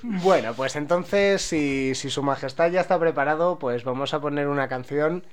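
A man hosting a year-end radio show, joking and halting with fillers and restarts. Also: fairly high pitch, a little hiss or hum. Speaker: host. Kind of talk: casual radio chat. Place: small radio studio.

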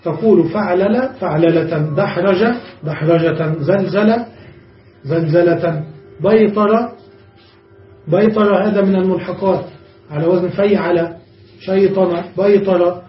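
High-voiced male sheikh lecturing in an echoey room. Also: unhurried, pauses often. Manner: explains step by step, checks understanding with the class. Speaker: sheikh teaching Arabic grammar. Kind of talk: classroom grammar lecture. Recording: dull, echoey room, distant mic.

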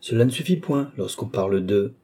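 A modest young woman, unwell and reserved, answering in soft, restrained words, as a man reading a storybook puts her on. Only a little higher than the narration, still husky and dark. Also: animated, brisk. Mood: reserved, troubled.

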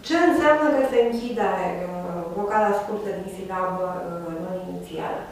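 A woman giving a university lecture, hesitating with many filler sounds. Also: medium pitch. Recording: echoey room, far from mic, faint noise.

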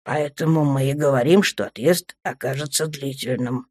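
Woman doing a calm, measured young man. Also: extremely low pitch, no echo, clean studio sound, pitched below the performer's own voice.

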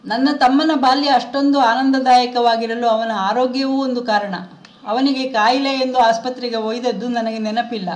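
A woman reading a memoir aloud as an audiobook, in a steady, measured storytelling manner. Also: fairly high pitch. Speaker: audiobook reader. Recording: roomy echo.

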